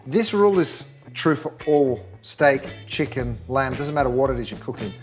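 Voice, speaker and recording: A man's voice: mid-range voice, expressive, normal speed. A middle-aged Australian man hosting a cooking show, explaining steps in an upbeat, instructive and effusive way. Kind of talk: cooking demonstration. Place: studio kitchen. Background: background music, sizzling pan.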